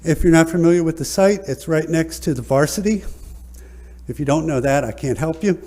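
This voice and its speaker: A man, an architect presenting a project at a public hearing in a relaxed, joking way with many fillers. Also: a little high, fairly quick. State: slightly out of breath at first.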